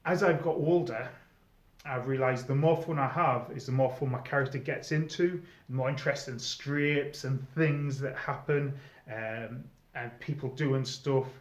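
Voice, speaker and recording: An unhurried middle-aged man with a medium-pitched voice presents casual advice aimed at newcomers. He used to be a game storyteller, and this is an informal advice video monologue. Echo from the room and a slightly dull sound mark the recording.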